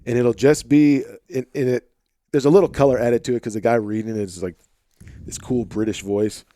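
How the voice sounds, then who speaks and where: A man hosting a podcast, talking loosely and excitably, swearing and calling his guest "dude" and "man.". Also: medium pitch, fairly quick, no echo, studio quality. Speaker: podcast host. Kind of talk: casual conversation.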